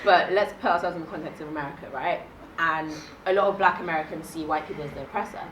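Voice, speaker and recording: A woman's voice: deep voice, quick pace, a bit bright, slight background noise. A woman in a casual group discussion, talking emphatically and growing insistent as she argues her point. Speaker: discussion panelist. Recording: roomy echo, mic at a distance.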